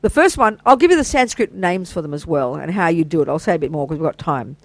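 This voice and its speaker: An older Buddhist teacher talking informally to a small group, gushing with enthusiasm and throwing in asides and praise. The voice sits at a middling pitch and sounds dry and close, with no room echo. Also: expressive, fast. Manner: chatty and enthusiastic, full of warm praise and asides.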